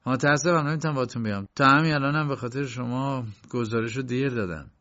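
A man voicing a calm, evasive court usher who speaks quietly and placatingly, in a dull lo-fi recording. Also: mid-range voice, no echo, close to an everyday voice. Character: soft-spoken evasive male court usher.

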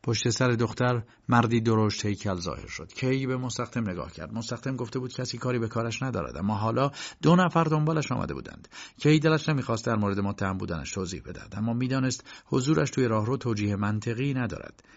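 A man narrating an audiobook in a measured, steady storytelling manner, in a dull lo-fi recording. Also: medium pitch, creaky.

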